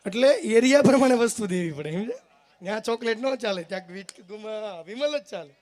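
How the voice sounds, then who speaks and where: A man's voice: sits high, lively intonation, brisk, darkish tone. A man telling comic stories live on stage, joking and teasing the audience directly. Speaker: folk stage comedian.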